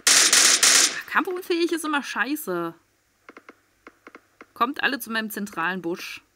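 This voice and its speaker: A woman giving excitable live commentary on her gameplay, swearing freely and swinging between loud outbursts and tense whispers. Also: fairly high pitch, unhurried, heavy background noise. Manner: swears freely, talks to viewers with tag questions. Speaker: let's play gamer.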